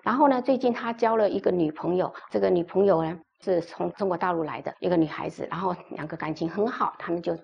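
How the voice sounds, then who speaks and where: A woman's voice: lowish voice, quick pace, creaky, hardly any pauses, slightly rough, highs cut off. A woman pastor preaching a sermon, telling a story with emphatic, repeated phrases.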